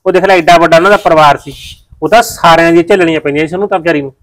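An actor playing a village husband and son who tries to make peace at home, speaking in a lecturing, pleading way. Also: male voice, on the high side, very fast, a bit bright, natural voice.

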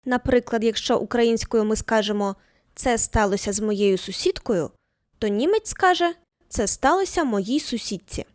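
A woman teaching a German lesson, reading each example sentence slowly twice and then translating it. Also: a little high, dry recording, studio quality. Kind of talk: scripted language lesson.

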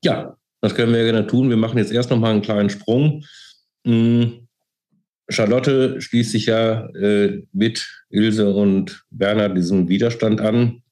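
A man, the author, giving a calm, measured reading from his novel. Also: on the low side. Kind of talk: book reading.

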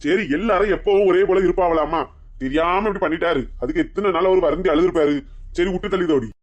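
Woman playing a fast-talking scolding village husband. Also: fairly low pitch, lo-fi sound, pitched below the performer's own voice, lightly acted. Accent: Kanyakumari Tamil. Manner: teasing, scolding, rapid-fire. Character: bickering middle-aged village husband.

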